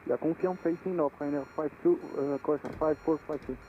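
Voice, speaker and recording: A man making clipped pilot calls over the radio, brisk and hurried. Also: a little high. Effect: pilot heard over the radio. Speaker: virtual airline pilot. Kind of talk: radio calls with standard phrasing. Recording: muffled radio with noise.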